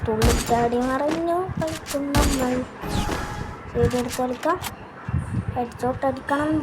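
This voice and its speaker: Over video game gunfire and ambient sound, a female video host with a Malayali accent talks unhurriedly through gameplay in Malayalam peppered with English gaming words. Her voice is high, and the casual commentary is captured in noisy game audio.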